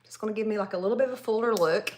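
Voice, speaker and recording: A Southern woman in her forties with a voice of middling pitch hosts a casual makeup livestream. She rambles in a friendly way and keeps talking straight to her viewers as she works. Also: rapid-fire, slight background noise. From Tennessee, US. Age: 40s. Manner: chatty, rambling, addresses viewers directly. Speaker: makeup artist livestream host.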